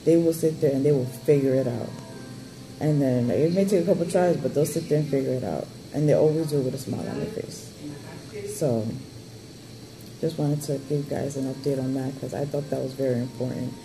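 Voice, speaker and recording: A woman's voice: very deep voice, brisk, over music, poor audio. A woman in her thirties giving a personal update in casual chat, candid and blunt, rambling and swearing freely. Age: 30s. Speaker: vlogger giving a surgery update.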